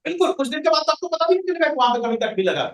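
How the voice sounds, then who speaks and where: A man's voice: very high voice, big pitch swings, rapid-fire, slight background noise. A male science teacher lecturing a classroom, quizzing students and answering his own questions. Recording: echoey room, voice from far off the mic.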